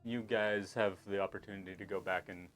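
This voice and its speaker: A man running a tabletop game as game master, speaking in a calm, measured way. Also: deep voice, soft background music.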